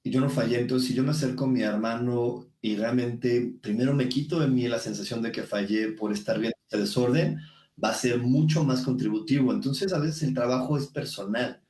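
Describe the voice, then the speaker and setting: A man with a Mexican accent, a guest calmly explaining ideas with everyday examples. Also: medium pitch, normal speed. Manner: calm, coaching tone, everyday examples. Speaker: guest speaker. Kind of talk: explanatory conversation. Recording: echoey room.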